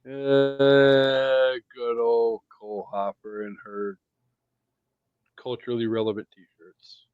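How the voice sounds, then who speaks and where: A man's voice: lowish voice, level tone, narrow, tinny audio. A man co-hosting a casual movie chat with dry, teasing remarks. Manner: dry, teasing, slow-spoken. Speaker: podcast co-host.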